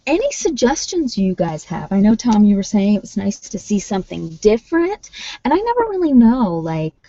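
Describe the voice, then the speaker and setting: In a muffled, roomy recording, a woman with a medium-pitched, warm voice chats casually to viewers during her live ASMR workshop with tarot readings. Her pitch swings widely, her pace is moderate, and she drifts a bit as she thinks out loud.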